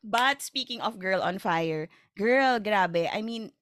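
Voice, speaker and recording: A woman's voice: medium pitch, expressive, slow pace, fairly bright tone, no echo, clean studio sound. Chatty Filipino-accented woman host. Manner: chatty, playful, code-switching. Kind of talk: conversational interview.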